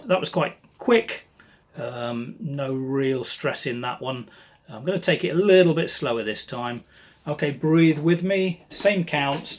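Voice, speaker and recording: A man leading a choir breathing warm-up, counting slowly and calmly with friendly asides to his singers. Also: medium pitch, noisy background. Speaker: choir leader. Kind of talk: breathing exercise lesson.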